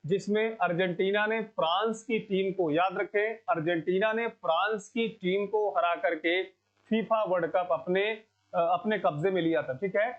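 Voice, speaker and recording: High-voiced man teaching exam prep. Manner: repeats key answers, asks the class questions. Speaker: coaching teacher. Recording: dull lo-fi sound.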